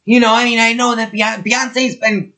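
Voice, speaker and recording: Bright-voiced chatty young man. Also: very high voice, little pitch movement, normal speed. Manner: chatty, filler-heavy storytelling. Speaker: podcast co-host. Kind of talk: casual chat.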